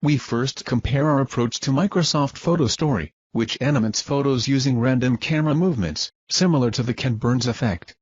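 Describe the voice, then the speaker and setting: A man narrates a scripted research piece formally and in measured fashion, like a presenter explaining a technical method. His voice is husky and medium-pitched, and the recording's high frequencies are cut off.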